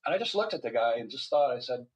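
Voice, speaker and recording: Very animated and fast-talking, an older physician-author tells stories as a guest in a casual podcast interview, full of wry humor and restarts. His voice is mid-range, and the recording has its highs cut off.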